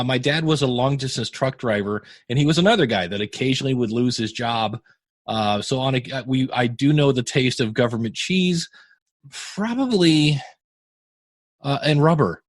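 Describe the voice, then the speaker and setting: This Ohio-born American podcast host talks animatedly at a normal speed, with no echo on his mid-range voice. His solo show is casual and rambling, full of self-deprecation and quotes he performs aloud.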